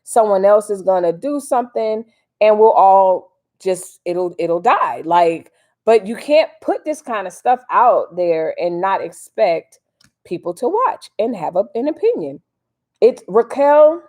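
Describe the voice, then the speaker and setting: Her medium-pitched, slightly mellow voice is very animated yet unhurried as she runs a casual livestream. The host, an American woman from Miami, rambles informally in folksy slang, responding to viewers with running commentary.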